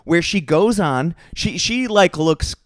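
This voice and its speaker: Man, podcast co-host, fairly high voice, animated storyteller, dry close mic. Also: takes it slowly, no room sound. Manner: animated storyteller, acts out quotes. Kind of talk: casual comedic chat.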